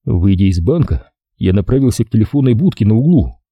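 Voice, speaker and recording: A man narrating a first-person audiobook in a wry, measured storytelling manner on a close studio mic. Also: lowish voice, sing-song, slightly rough, no room sound, dull audio.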